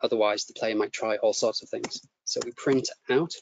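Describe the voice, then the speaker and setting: In a live coding tutorial, a man explains each step as he types, often repeating words. His voice is lowish and fairly even in intonation, at a normal speed. The audio is muffled and lo-fi with faint noise.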